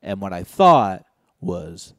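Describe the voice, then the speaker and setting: A young man from Indiana doing a stand-up set on a comedy club stage, deadpan and low-key with sudden loud outbursts. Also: takes it slowly, no echo, clean studio sound.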